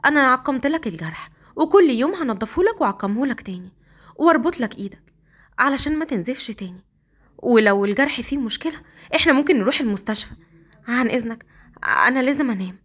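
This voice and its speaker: A woman with an Egyptian accent voicing a shy, easily flustered young bride who talks excitably, close to tears, in a storybook romance. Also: fast talker, pauses often. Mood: soothing. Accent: Egyptian Arabic. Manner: high-pitched, excitable, near tears.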